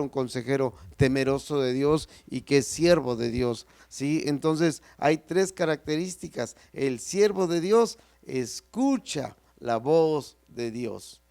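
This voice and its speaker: A man's voice: medium pitch, vocal fry, darkish tone. A man with a Mexican Spanish accent preaching a sermon in an earnest, emphatic way, repeating phrases and addressing listeners directly.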